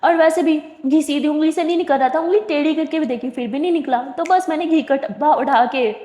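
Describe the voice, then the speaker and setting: A woman voices a crafty young sister who fakes tears to get her way, pleading in a high, wounded voice. Her words ring in a roomy space with a long reverb tail. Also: a little fast, mellow, close to an everyday voice. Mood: smug. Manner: pleading, wounded tone that turns sly.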